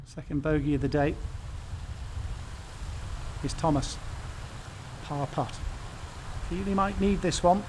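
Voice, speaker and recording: Male golf commentator, slightly high-pitched. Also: a little mellow, slight background noise. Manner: measured, short understated phrases. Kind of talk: golf tournament television commentary.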